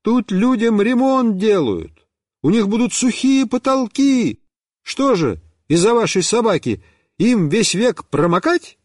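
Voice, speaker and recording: A man voicing a patient, reasonable mother who speaks quietly and evenly. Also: high-pitched, big pitch swings, unhurried, dry recording, studio quality, pitched above the performer's own voice, heavily acted. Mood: calm. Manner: soft, quiet, level-headed.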